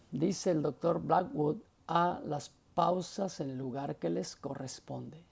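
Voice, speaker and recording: Male instructor, husky and unhurried, patient lecture tone that checks in with the class. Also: high-pitched, dark tone. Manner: explanatory, often checks understanding with short questions. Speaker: homiletics teacher.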